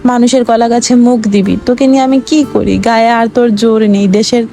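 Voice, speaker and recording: A woman voicing a poor, gentle farmer who pleads and speaks tenderly to his ox. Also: on the high side, fairly even intonation, fairly quick, soft background music, lightly acted. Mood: tender sorrowful. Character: poor, gentle, sorrowful farmer man, middle-aged.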